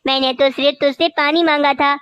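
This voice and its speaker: A pleading, complaining old mother crow from a cartoon, voiced by a woman. Her voice sits high and comes across dry and close. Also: steady tone, a little fast, fairly bright tone, no echo, lo-fi sound. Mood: plaintive. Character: old female crow mother-in-law, meek and tearful. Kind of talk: cartoon voice acting.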